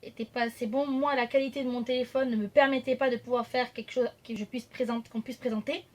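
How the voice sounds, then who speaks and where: Femme enthousiaste à la voix aiguë. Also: female voice, a little high, fairly even intonation, quick pace. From France. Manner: chatty, hesitant, many fillers and self-corrections. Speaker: vlogger. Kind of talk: casual chat. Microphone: phone camera.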